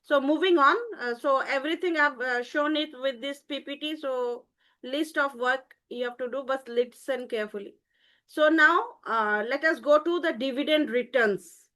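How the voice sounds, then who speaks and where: A woman teaching an online class, explaining patiently with many hesitant pauses over a call headset. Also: high voice, bright, forceful tone. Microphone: earphone mic on a video call.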